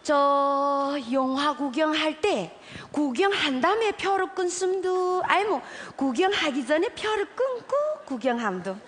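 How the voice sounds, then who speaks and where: An actress playing a suspicious, blunt village cook in a comedy sketch, with a Yanbian Korean accent from northeast China and a sardonic, haggling way of talking. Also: female voice, high-pitched, animated, unhurried. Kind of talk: comedy sketch stage acting. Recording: echoey hall, faint noise.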